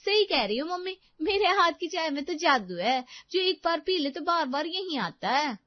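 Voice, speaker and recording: Cartoon role: a woman playing a scheming young bride, bright and high, loud and mouthy. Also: animated, moderate pace, no echo. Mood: sassy. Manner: loud, sassy, talks back. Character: cheeky scheming young daughter-in-law. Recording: dull dry lo-fi recording.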